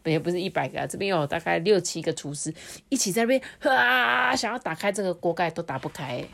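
A woman reading a picture book aloud to her child, lively and playful, stopping to ask questions. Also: lowish voice, fast talker, vocal fry.

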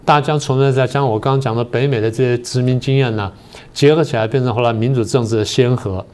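An older man, a political science professor and guest on a talk show, explaining history in a slow, methodical way. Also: mid-range voice, steady tone, darkish tone. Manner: methodical, explains step by step with many pauses.

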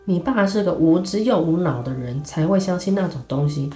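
A woman's voice: on the low side, lively intonation, fairly quick, warm tone, roomy sound, soft background music, close to an everyday voice. A woman voicing a mean, sour aunt who scolds and sneers at a boy, in a storybook reading. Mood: scornful. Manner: scolding, contemptuous.

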